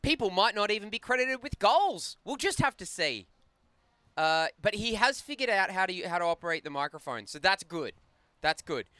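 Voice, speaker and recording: Bright, chatty man commentating hockey. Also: sits high, sing-song, normal speed, no echo. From Australia. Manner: chatty, banters and laughs often. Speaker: play-by-play commentator. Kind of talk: joking live hockey commentary.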